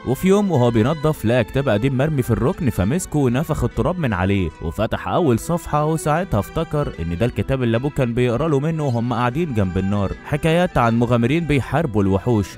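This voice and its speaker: Rapid-fire Egyptian male story narrator. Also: medium pitch, a little mellow. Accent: Egyptian Arabic. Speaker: anime recap narrator. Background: faint background music.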